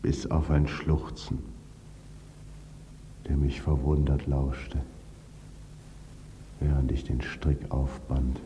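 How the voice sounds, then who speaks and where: A man reading a dark literary story in a grave, brooding way, at times dropping to a whisper. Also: a bass voice, level tone, slow, pauses often, a little hiss or hum. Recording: dull reverberant recording.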